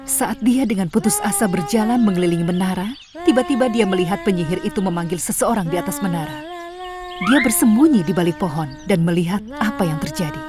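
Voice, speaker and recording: A woman narrating a fairy tale for a cartoon in an even, clear scripted storybook voice. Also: medium pitch, brisk. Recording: studio voice-over with music bed.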